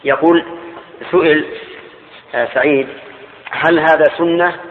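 Older male scholar, measured hadith lesson, dull archive tape, long hall reverb. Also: on the high side, fairly even intonation, a little hiss or hum. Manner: measured, repeats key phrases, explanatory. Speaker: Islamic scholar teaching hadith. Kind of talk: religious lesson explaining hadith.

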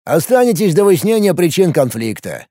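A man voicing a weary middle-aged security guard in an audiobook, speaking slowly and formally. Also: on the high side, big pitch swings, warm tone, no echo, clean studio sound, voice pushed up. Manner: tired, slow, formal. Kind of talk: audiobook character voice.

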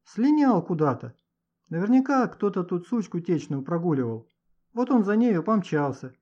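Audiobook: male reader plays a pleading, teary schoolgirl, pitched way up, bouncy delivery. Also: big pitch swings, moderate pace, warm tone, dull audio. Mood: tearful. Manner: sobbing, pleading. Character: whiny tearful schoolgirl, fussy and timid.

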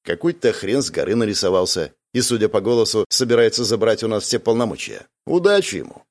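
A man's voice: lowish voice, very animated, fast. A man reading an audiobook aloud as a first-person narrator. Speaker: audiobook reader.

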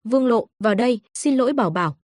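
A woman's voice: fairly high pitch, lively intonation, very fast, a little mellow, no room sound, studio quality, close to an everyday voice. A woman voicing an anxious, sweating businessman father in an audio story, earnest and flustered.

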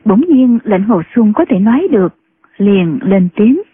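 A woman narrating a martial-arts novel as an audiobook in a steady storytelling manner. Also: mid-range voice, a little slow, slight background noise. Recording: tinny phone-like sound.

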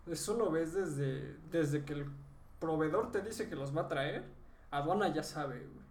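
Mexican male podcast co-host, chatty and explanatory, animated pitch jumps, echoey room. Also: unhurried, distant mic. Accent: Mexican Spanish. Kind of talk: casual chat. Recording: echoey room, faint ambient noise.

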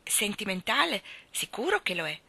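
A woman's voice: medium pitch, very animated, normal speed, gravelly, bright, forceful tone, husky, full character voice. A woman voicing a romantic middle-aged male professor, speaking ardently and pleadingly.

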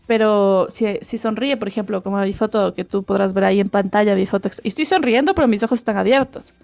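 Gravelly, talkative woman on a video call. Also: medium pitch, fast talker, a little mellow, soft background music. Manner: talkative, rambling, many restarts. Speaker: podcast co-host. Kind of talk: casual chat.

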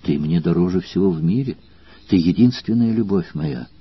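A man with a husky voice reading the lines of a devoted, tormented gladiator in an audiobook, earnest and trembling with emotion. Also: low voice, normal speed, no echo, muffled recording.

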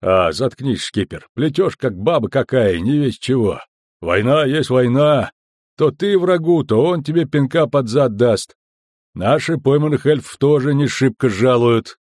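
A man reading an audiobook and voicing a gruff, loud, scornful customs officer. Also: medium pitch, measured pace, dry recording, clean studio sound, close to an everyday voice. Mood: blustering.

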